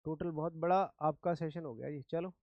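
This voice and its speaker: A man's voice: a little high, fairly even intonation, normal speed, no room sound, dull audio. A man from India teaching English vocabulary in Hindi, who repeats each word and gives memory tricks. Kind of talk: vocabulary lesson.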